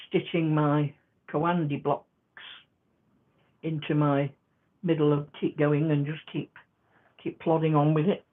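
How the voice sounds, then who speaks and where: A woman chatting casually in a quilting vlog, rambling and halting with many restarts. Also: deep voice. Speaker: quilting vlogger. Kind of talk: casual crafting vlog chat. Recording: tinny phone-like sound.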